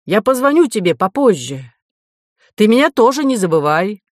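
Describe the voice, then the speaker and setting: A woman's voice: mid-range voice, sing-song, normal speed, dry recording, clean studio sound, voice pushed up. A woman voicing a polite, self-assured young male swindler who talks with easy courtesy. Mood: smooth.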